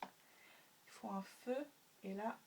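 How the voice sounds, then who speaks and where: A woman's voice: medium pitch, very slow, vocal fry, darkish tone. Hesitant woman retelling a story. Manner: hesitant, many fillers, spoken sound effects. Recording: faint room noise, mic a bit distant.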